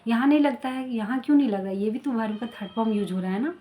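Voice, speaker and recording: A woman teaching an English grammar lesson, speaking slowly and repeating each example sentence with care, asking questions and answering them herself. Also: a little high, warm tone, slight background noise. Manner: slow, deliberate repetition of example sentences. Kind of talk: grammar lesson explained in Hindi.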